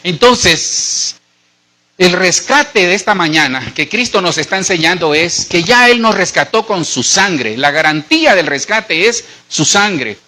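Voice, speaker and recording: Sitting high and sharp in tone, this middle-aged man's animated voice moves at a measured pace as he preaches. He's a pastor with a Colombian Spanish accent, addressing his congregation directly in a conversational style.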